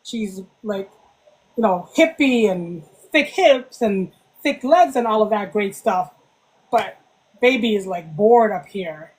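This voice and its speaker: A woman's voice: mid-range voice, expressive, takes it slowly, a little mellow, rough recording. A woman author chatting casually as a podcast guest, telling things animatedly and acting out remarks. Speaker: interviewed author. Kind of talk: casual podcast interview chat.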